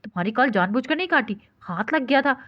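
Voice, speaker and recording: A man's voice: extremely high pitch, lively intonation, quick pace. A woman doing a sleepy, flustered young man. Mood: drowsy. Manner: drowsy, stammering. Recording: dull lo-fi recording.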